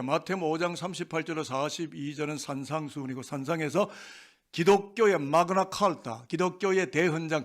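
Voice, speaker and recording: A man preaching a Sunday sermon as pastor, asking the congregation rhetorical questions. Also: a little high. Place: church sanctuary.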